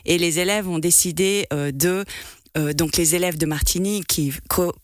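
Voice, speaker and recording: A woman's voice: lowish voice, fairly even intonation, normal speed, no echo, clean studio sound. A woman, a filmmaker guest in a radio interview, speaking hesitantly with many fillers and restarts.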